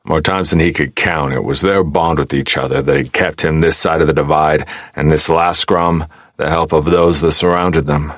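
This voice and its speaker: A man narrating a post-apocalyptic fantasy audiobook in a steady, wry storytelling manner. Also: a bass voice, normal speed, no room sound, studio quality. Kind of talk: scripted narration.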